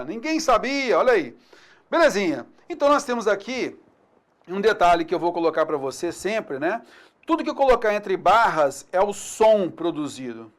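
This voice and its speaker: A man with a Brazilian accent teaching a video lesson, chatty and often checking in with the viewer, sounding out syllables slowly. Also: sits high.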